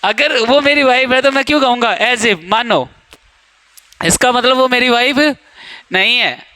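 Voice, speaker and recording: Young male coaching-class teacher, high clear voice, playful and teasing with students, dry classroom sound. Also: measured pace, bright, forceful tone, dry recording. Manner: joking, teasing students, quizzing them by name. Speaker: English teacher. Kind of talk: classroom grammar lesson.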